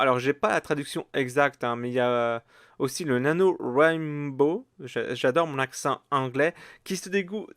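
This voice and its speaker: Rambling podcaster, dry sound. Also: male voice, medium pitch, a bit bright, dry recording. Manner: rambling, many fillers and restarts. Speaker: podcast host. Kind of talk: casual solo podcast chat.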